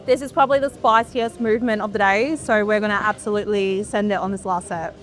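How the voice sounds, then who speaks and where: A woman coaching in a gym, pushing a lifter with loud, blunt, sweary encouragement and explaining training terms. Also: mid-range voice, steady tone, quick pace, faint music behind. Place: gym floor.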